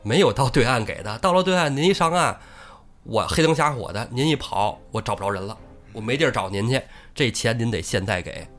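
A man's voice: animated, brisk, fairly bright tone, faint music behind, close to an everyday voice. A man voicing a sly, menacing middle-aged boatman in a comic storytelling podcast, drawling and mocking. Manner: drawling, mocking, low-voiced.

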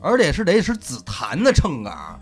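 A man's voice: fairly high pitch, huge pitch swings, normal speed, faint music behind. A man with a Beijing accent chatting casually, slangy and profane, dropping wry asides into the banter.

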